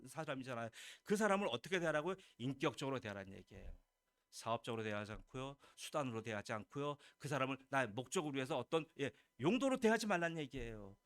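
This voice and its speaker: A man's voice: on the high side, a bit bright, dry recording. Emphatic preaching pastor, man. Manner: emphatic preaching, asks the congregation questions, acts out God's lines. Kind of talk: sermon. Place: church sanctuary.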